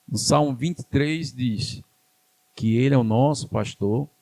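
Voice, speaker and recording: A little slow, creaky, and mellow, a mid-range male voice with a Brazilian Portuguese accent preaches a church sermon. He is emphatic and repetitive, repeating phrases and calling on the congregation to respond, and there is no echo.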